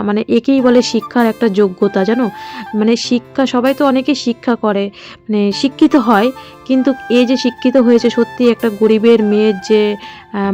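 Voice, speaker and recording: This middle-aged mother and vlogger speaks at medium pitch with a dark tone. Her casual vlog chat rambles along, heartfelt and heavy with fillers.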